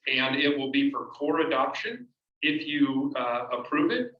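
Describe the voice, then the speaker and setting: A man's voice: mid-range voice, animated, a little slow. Hesitant male administrator in a roomy meeting room. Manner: hesitant, many fillers. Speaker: school district administrator. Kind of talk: presenting at a school board meeting. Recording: dull, roomy, distant mic.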